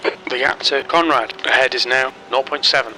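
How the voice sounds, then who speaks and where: A man voicing an automated race spotter who gives short, clipped radio calls about gaps and traffic in an even, businesslike way. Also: medium pitch, normal speed, poor audio. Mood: terse.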